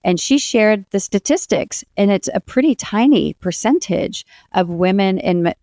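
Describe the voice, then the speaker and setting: A woman's voice: medium pitch, expressive, moderate pace, a little mellow, dry recording, clean studio sound. A woman co-hosting a podcast, speaking in an affirming, encouraging way. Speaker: podcast co-host. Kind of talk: podcast interview.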